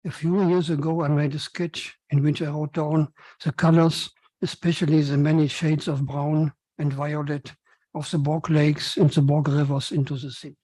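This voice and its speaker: Male event speaker, native German with German accent, mellow and slightly high-pitched, halting formal delivery. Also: level tone, dry recording, poor audio. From Cologne, Germany. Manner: halting, formal, reading from text. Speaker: event speaker, foundation co-founder. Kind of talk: prepared welcome speech.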